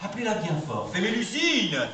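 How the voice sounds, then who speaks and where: A woman's voice: mid-range voice, normal speed, slight background noise. A woman voicing a brave young prince in a live children's puppet show, calling out to the children. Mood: bold. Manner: addresses children, animated. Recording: echoey room from far off, loud music behind.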